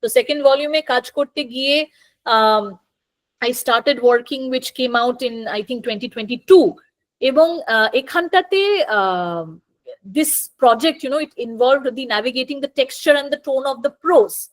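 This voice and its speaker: High-voiced Bengali woman lecturing slowly. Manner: thoughtful, often pauses with fillers and restarts. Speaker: guest lecturer on translation. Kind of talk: academic talk mixing Bengali and English.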